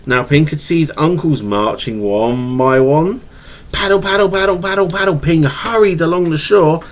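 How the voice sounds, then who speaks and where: This man's voice sits on the high side, reading at normal speed as he shares a children's picture book with his child at bedtime. He stutters, stumbling and repeating words, and a webcam microphone records him at home.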